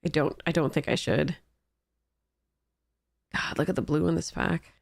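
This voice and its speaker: A woman's voice: deep voice, steady tone, unhurried, vocal fry, no room sound, studio quality. A woman with a congested, stuffy nose, commentating casually and wryly on a game as she streams.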